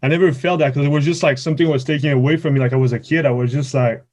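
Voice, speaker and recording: A man's voice: a little high, fairly even intonation, very fast, a little mellow. A man in his twenties from Quebec, a native French speaker with a Quebec French accent, answering interview questions in a casual, rambling, informal way. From Quebec, Canada. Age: 20s. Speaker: college baseball player, podcast guest.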